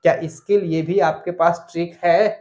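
A man's voice: a little high, fairly even intonation, moderate pace, a little mellow. A man teaching an online grammar lesson. He explains step by step, repeats the key points and asks his students questions. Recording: echoey room.

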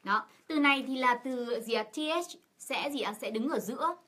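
A woman with a bright, slightly high voice interprets for the class. She keeps asking her listeners questions and fills her pauses with short sounds. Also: lively intonation. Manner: asks rhetorical questions of the class, with many fillers. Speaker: co-teacher and interpreter. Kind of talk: explaining a lesson in Vietnamese.

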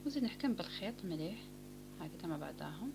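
A woman with an Algerian Arabic accent giving a calm step-by-step crochet tutorial, often dropping to a near whisper. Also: lowish voice, very fast. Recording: home recording with clear background noise.

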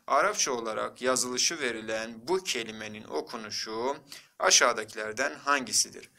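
A man with a bright, forward voice walks a class through exam answers. He drills each word slowly, more than once, and keeps asking questions that he answers himself. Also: medium pitch. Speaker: religion teacher. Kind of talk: exam walkthrough lesson.

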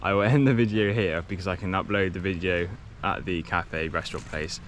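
A young man talks to the camera in a loose, rambling way, often stopping to correct himself. His voice sits on the lower side, and it comes from an action camera held at arm's length outdoors. Faint wind and passing traffic sit behind him. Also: steady tone, a little fast, fairly bright tone. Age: young adult. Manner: chatty, rambling, self-correcting. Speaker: cycle touring vlogger. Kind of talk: casual vlog to camera. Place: outdoors on a sunny coastal path.

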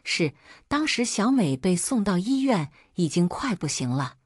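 Casting: a woman playing a worried older mother, low-pitched, pleading and soothing, dry studio sound. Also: very animated, a little slow, husky, no room sound, full character voice. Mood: tearful. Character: worried older mother comforting her daughter.

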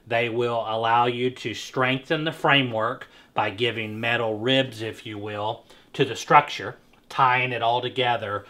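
With a sharp tone and mid-range voice, a man in his thirties hosts a casual product demo in a bare-walled indoor showroom. He explains as he goes, with fillers and restarts, and the room is echoey.

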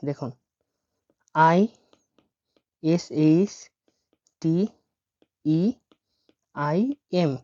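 A woman who speaks Bengali as her first language teaches a language lesson, spelling words out letter by letter and repeating each one slowly. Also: lowish voice, darkish tone. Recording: dull lo-fi audio.

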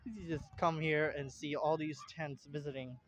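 A man's voice: fairly high pitch, steady tone, a bit bright. A young man from Puerto Rico rambling casually as he films a beach vlog outdoors, holding his phone while he walks. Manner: rambling, unhurried, plain-spoken. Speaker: vlogger. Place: outdoor beach park, in and out of a tent. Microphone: phone held in hand while walking. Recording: dull lo-fi phone audio.

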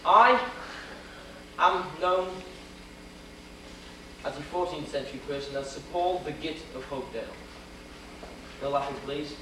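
A young man with a Welsh accent, from Wales, lectures an audience on history in a theatrical, joking style, his voice a little high and a little slow, broken by long pauses. The setting is a lecture hall with a projection screen, filmed on a distant camera in noisy old video with hall echo.

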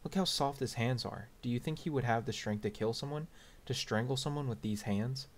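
A man's voice: mid-range voice, a little fast, close to an everyday voice. A man voicing a defense lawyer pleading with a jury, in an insistent, rising manner.

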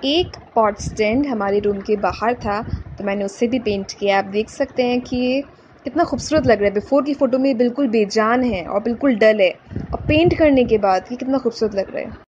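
A woman talks through a garden craft project step by step in a patient, instructional voice-over. Her voice sits a little high, and she drops English words into her sentences. Clear ambient noise runs under the recording. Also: normal speed, darkish tone, dull audio. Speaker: craft channel host.

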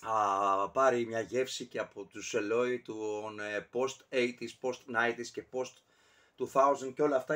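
A man's voice: mid-range voice, a bit bright. A man casually ranking albums on camera, talking in a rambling, digressive way with many fillers and self-corrections. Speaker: music reviewer.

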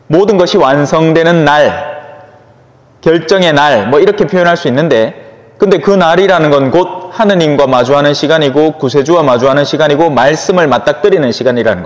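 High-voiced Gyeongsang priest preaching. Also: male voice, expressive, normal speed, long reverb tail. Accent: Gyeongsang Korean. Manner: conversational, chatty, asks listeners for agreement. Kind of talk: sermon.

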